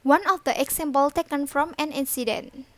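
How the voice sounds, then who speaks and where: A woman's voice: high-pitched, normal speed, fairly bright tone, no room sound. Young woman presenting, dry close sound. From Indonesia. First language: Indonesian. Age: young adult. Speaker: student presenter. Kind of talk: reading a class presentation.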